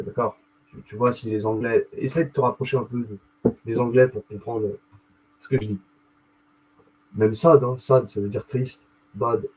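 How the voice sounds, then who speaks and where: A man's voice: medium pitch, dark tone, husky, poor audio. A man hosting a video, rambling through a casual explanatory monologue, often checking in with "d'accord?" and spelling out Arabic letters.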